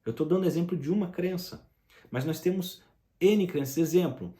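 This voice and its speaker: Man, motivational speaker, punchy rhetorical delivery, higher pitch with a mellow tone. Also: moderate pace, roomy sound. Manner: emphatic, addresses listener directly with rhetorical questions. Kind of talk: motivational talk to camera.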